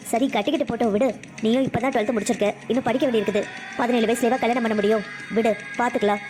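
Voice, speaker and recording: A woman's voice: on the high side, natural voice. A woman voicing an earnest young wife in a family cartoon, pleading with her husband and firmly consoling a friend. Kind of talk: cartoon voice acting.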